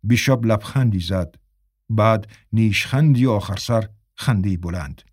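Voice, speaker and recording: A man narrating a story in a measured, even way for an audiobook. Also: lowish voice, breathy edge, no room sound, studio quality.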